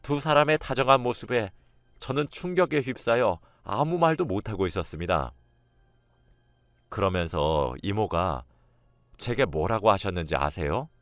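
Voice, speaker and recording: A man narrating a first-person spoken story in a steady, confessional way. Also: on the low side, normal speed, no room sound.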